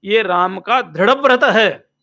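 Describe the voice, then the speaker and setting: A swami giving a slow, measured religious discourse, chanting Sanskrit verses and explaining each one. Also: male voice, sits high, bright, forceful tone.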